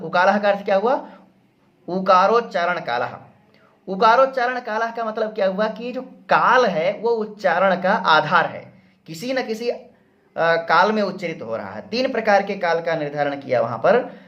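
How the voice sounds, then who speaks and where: Slow, high-voiced man teaching grammar. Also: lo-fi sound. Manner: repeats terms slowly, asks and answers his own questions. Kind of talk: explanatory grammar lesson.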